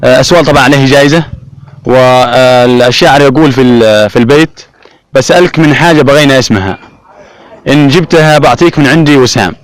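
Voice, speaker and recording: A man's voice: mid-range voice, quick pace, no echo. A man hosting a contest show in formal announcer phrasing, calling out questions, winners and prizes. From Yemen. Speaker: host of a Ramadan contest show. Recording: crowd noise behind. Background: crowd of participants.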